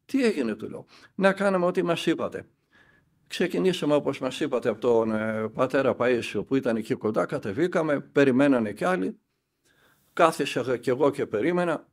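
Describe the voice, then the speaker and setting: Speaking at a medium pitch, an older man who is an elder monk recounts a spiritual tale, voicing its characters' lines with animated emphasis.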